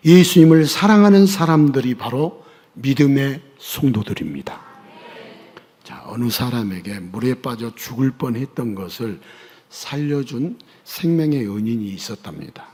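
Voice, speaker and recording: A man preaching a sermon as pastor, dropping to hushed whispers and rising to loud, urgent cries. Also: a little high, slightly rough. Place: church sanctuary. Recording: church hall reverb.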